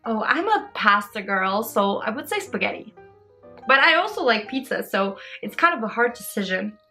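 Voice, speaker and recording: Bright, bubbly young woman chatting. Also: fairly high pitch, very animated, moderate pace, faint music behind. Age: 20s. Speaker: social media creator. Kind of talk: casual Q&A vlog chat.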